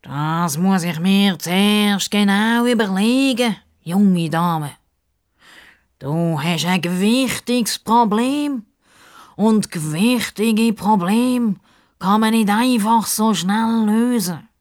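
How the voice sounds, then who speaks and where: A woman voicing a pompous, self-important male crocodile who talks slowly and condescendingly. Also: mid-range voice, natural voice. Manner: slow, drawn-out, condescending.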